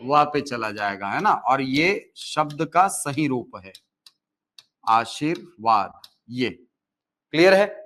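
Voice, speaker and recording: Slow-speaking Hindi teacher from Chhattisgarh. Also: male voice, medium pitch, lively intonation, fairly bright tone. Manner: explains step by step, asks and answers his own questions. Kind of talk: live classroom lecture.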